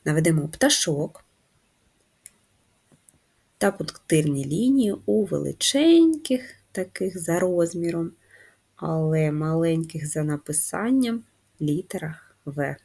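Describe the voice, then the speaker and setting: A woman teaching a handwriting lesson to first graders, patient and slow, guiding the children step by step. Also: sits low, lively intonation, creaky, a little mellow, slightly rough. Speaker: primary school teacher.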